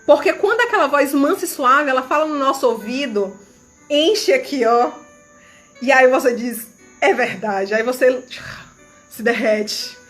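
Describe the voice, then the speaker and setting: Woman preacher sharing a testimony, high voice, really emotional, keeps talking right to the crowd, faint music behind. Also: measured pace, fairly bright tone. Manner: emotional, keeps calling out to listeners directly. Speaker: youth ministry leader giving a testimony sermon.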